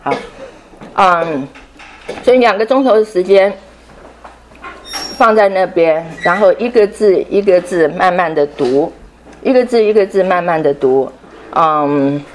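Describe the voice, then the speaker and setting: A middle-aged woman with a notably low voice teaches a Sunday school class. She speaks unhurriedly, repeats her points and slips English words into her talk. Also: measured pace, long pauses, a little hiss or hum. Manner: ends phrases with soft tag particles.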